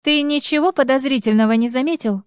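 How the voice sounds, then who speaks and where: Woman voicing a flustered wife, bright and jittery. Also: sits high, smooth, dry recording, pitched above the performer's own voice, close to an everyday voice. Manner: nervous, quick, overly bright. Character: flustered wife lying to her husband. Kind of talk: audiobook reading.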